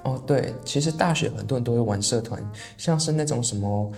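A young man from Taiwan with a Taiwanese Mandarin accent, co-hosting a podcast in relaxed, easygoing chat and often affirming with short agreements. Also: mid-range voice, a little fast, vocal fry, soft background music. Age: young adult. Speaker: podcast co-host. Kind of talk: casual chat.

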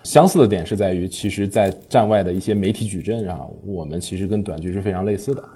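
Fast, husky low-voiced man. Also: dark tone. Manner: explanatory, frequent fillers, self-corrections. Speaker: short-video platform drama operations lead, podcast guest. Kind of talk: podcast panel discussion.

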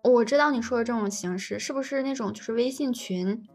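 Young woman, higher-pitched, conversational co-host, music underneath. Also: a little fast, a little mellow. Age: young adult. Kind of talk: casual chat.

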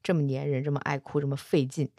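A woman voicing a teasing old male phoenix god talking about his son, soft and confiding. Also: a bass voice, flat delivery, fast, dry recording, studio quality, voice pushed down.

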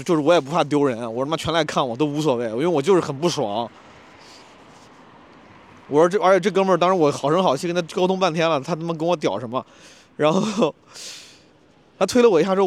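Fast-talking man telling a story. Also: on the high side. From China. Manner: animated, self-mocking, slips into English phrases; fast, restless retelling with many restarts. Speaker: comedian telling a travel story. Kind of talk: casual storytelling monologue.

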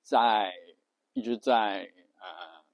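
A man's voice: fairly low pitch, extremely slow, no room sound, muffled recording. A man telling a story casually, hesitating often with filler sounds.

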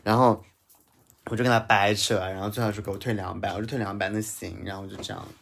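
A man's voice: fairly low pitch, fairly even intonation, quick pace, gravelly, a bit bright. A man telling a story in a casual chat, heated and ranting, with English words mixed in. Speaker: podcast co-host telling a story.

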